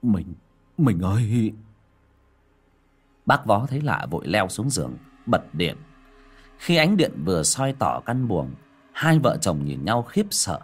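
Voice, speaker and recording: Husky male storyteller, very lively pitch, dramatic ghost tale. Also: unhurried, soft background music. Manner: expressive, swooping delivery.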